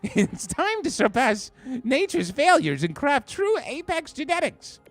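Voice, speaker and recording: A man's voice: extremely high pitch, wildly swooping pitch, unhurried, dry recording, faint music behind, voice pushed up, full character voice. A man voicing a pompous, condescending male geneticist in a nerdy, haughty voice while streaming a game. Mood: smug. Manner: nasal nerd voice, haughty and sneering. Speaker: streamer reading a game character's lines.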